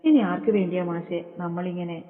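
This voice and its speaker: A man's voice: sits high, steady tone, normal speed, close to an everyday voice. Weepy old granny, man doing it, tinny line, long echo. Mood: grieving. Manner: tearful pleading. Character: grieving old grandmother, tearful. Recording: tinny phone-like sound with long reverb.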